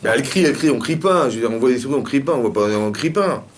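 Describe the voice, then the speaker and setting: A man, a rabbi, teaching a lively religious lesson in a classroom and pressing his students with repeated questions. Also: medium pitch, racing.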